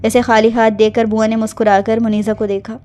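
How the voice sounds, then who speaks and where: A woman reads an emotional romance novel aloud. Her voice is slightly high yet soft and mellow. She narrates in a smooth, even storytelling manner. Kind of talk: novel reading.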